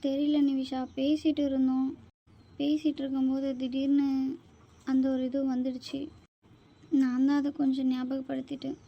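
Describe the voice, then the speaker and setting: A woman voicing a guilty young friend who speaks quietly and haltingly in a scripted drama. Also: high-pitched, level tone, creaky, dull audio. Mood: subdued.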